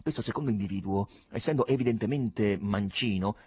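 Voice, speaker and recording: A man reading a novel aloud as an audiobook narrator, in an expressive, theatrical manner. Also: lowish voice, fairly quick, husky, no room sound. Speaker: audiobook reader. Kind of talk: scripted literary narration.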